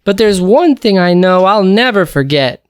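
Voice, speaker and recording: A man voicing an eager, forgetful little bear cub in a picture-book reading, in a high, squeaky voice. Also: animated, normal speed, clean tone, dry recording. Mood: earnest.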